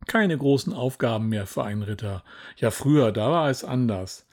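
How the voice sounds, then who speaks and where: A man voicing a boastful older male knight and proud father in a children's storybook, grumbling and full of self-praise, with a husky voice. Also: mid-range voice, expressive, normal speed, darkish tone.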